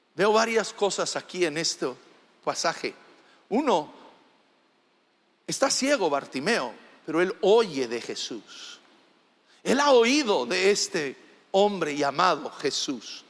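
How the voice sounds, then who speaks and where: A man preaching a sermon, emphatic and sometimes shouting, asking the congregation questions. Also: sits high, long reverb tail. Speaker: pastor.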